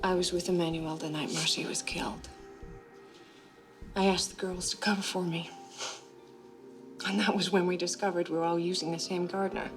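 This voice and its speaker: A guarded, career-driven wealthy wife who speaks in measured lines, played by an actress. Clear music plays under her voice in a television drama. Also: lowish voice, little pitch movement, close to an everyday voice.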